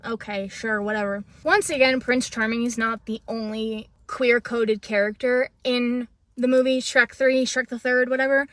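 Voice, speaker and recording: High-voiced, chatty young woman. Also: fairly even intonation, normal speed, few pauses, fairly bright tone, dry recording. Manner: chatty, sarcastic, conversational. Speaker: video essayist. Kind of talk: casual commentary.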